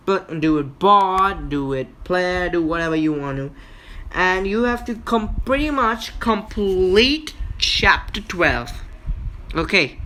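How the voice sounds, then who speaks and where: A gaming video host narrates a casual gameplay walkthrough, explaining things emphatically, repeating himself and checking in often. The voice is medium-pitched, bright and forceful, and the poor audio carries slight background noise.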